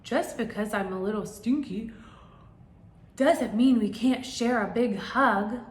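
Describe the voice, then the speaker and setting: A woman's voice: a little high, slow, reverberant, voice pushed up. A woman voicing a friendly, affectionate bear in a children's storybook. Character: friendly, hug-loving, sleepy big bear.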